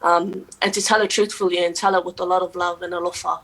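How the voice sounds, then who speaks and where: Earnest young New woman, flat delivery. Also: lowish voice, creaky, poor audio. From New Zealand. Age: young adult. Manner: earnest and steady, with frequent "um" pauses. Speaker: guest, poet and youth advocate. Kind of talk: radio interview answers.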